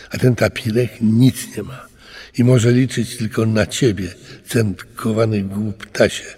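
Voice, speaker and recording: Preachy old volcano spirit, voiced by a man, gravelly, slow. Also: medium pitch, big-room sound, exaggerated voice. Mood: scolding. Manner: lecturing, forceful. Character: mysterious male volcano spirit, stern and preachy.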